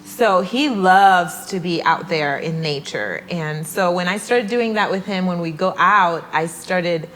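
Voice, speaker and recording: Soft-spoken woman, lower voice. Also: a little slow, hardly any pauses, a little hiss or hum, low-quality recording. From Malawi. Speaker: guest. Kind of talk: casual interview conversation.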